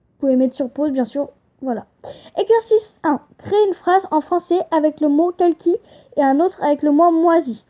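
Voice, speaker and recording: Sitting high at a moderate pace, a young woman's voice comes through a dull, lo-fi home recording. As a channel host teaching a made-up language, she chats casually, hesitates, and frequently corrects herself.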